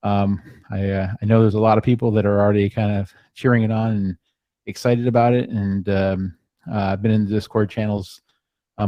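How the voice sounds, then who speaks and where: Low, filler-heavy man hosting a livestream. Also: no echo, dull audio. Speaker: founding member and host. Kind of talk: livestream chat.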